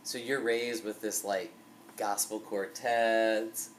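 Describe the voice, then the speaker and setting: A young man hosts a podcast from a small basement room, rambling animatedly with plenty of fillers and swearing. His voice sits on the low side and moves slowly, captured by a camera mic across the table with crowd noise behind him. It's casual chat from a young adult.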